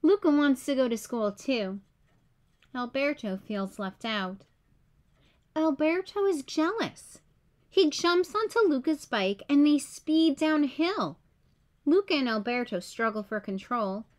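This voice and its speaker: With a high voice, a woman takes her time reading a children's picture book aloud. Her storyteller's delivery is clear, simple and expressive.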